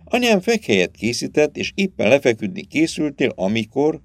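A man's voice: mid-range voice, sing-song, no echo, voice pushed up. A man reading aloud and voicing a firm, commanding young woman who takes charge. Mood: firm, earnest. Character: stern, resolute young woman, captive sister.

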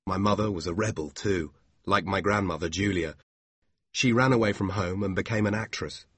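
A man voicing a sincere, devoted young man, speaking slowly and earnestly. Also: low voice, a bit bright, husky, no room sound.

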